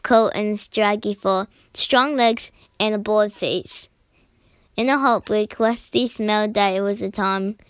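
A woman's voice: mid-range voice, fairly bright tone, clean tone, no room sound. A woman reading a novel aloud, often stumbling and restarting words, adding jokey side comments. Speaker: reader.

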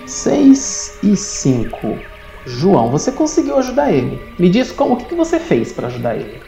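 A woman narrating as game master of a tabletop game, telling the story in a lively way. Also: lowish voice, moderate pace, over music. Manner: lively storytelling with animated rises. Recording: roomy, dull lo-fi sound.

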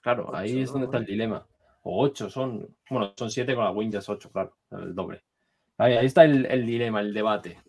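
A man hosting a podcast, lively and casual, throwing out topics and listing examples for his guests. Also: fairly low pitch, fast talker. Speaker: podcast host.

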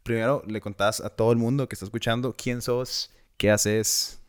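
A man's voice: mid-range voice, level tone, normal speed, smooth. A Costa Rican man hosting a casual chat, joking and asking loose questions. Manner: casual, brief reactions, joking. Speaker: podcast host.

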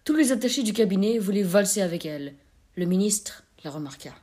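Brief: female narrator, measured and expressive, classic short story reading. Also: mid-range voice, slightly rough.

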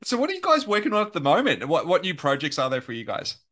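Lively Australian man interviewing. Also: fairly high pitch, fast talker. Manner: laughs easily, joking and chatty. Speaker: podcast host. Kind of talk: casual video call interview.

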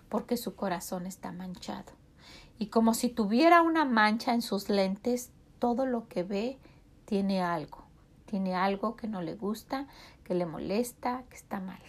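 A middle-aged woman with a Mexican Spanish accent delivers a devotional sermon in a warm, mellow voice. She speaks earnestly to the listener, pressing them with direct rhetorical questions. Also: medium pitch, vocal fry.

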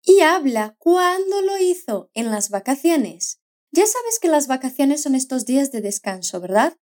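A woman teaching a language lesson, modelling words slowly and clearly with encouraging prompts to repeat. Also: sits high, very animated, darkish tone. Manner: slow, carefully modelled repetitions with encouraging prompts. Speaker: Spanish pronunciation teacher. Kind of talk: scripted language lesson narration.

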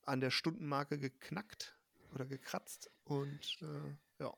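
A man's voice: on the high side, steady tone, slow pace, vocal fry, a bit bright, no room sound, studio quality. A man hosting a gaming podcast in casual chat, thinking aloud with many fillers and restarts. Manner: rambling, hesitant, many fillers. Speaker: podcast host.

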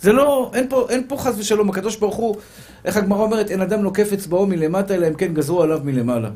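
High-voiced man preaching a lively sermon. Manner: animated, acts out little scenes and voices; rhetorical questions, repeats key phrases. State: slightly slurred speech after tooth extractions. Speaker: rabbi.

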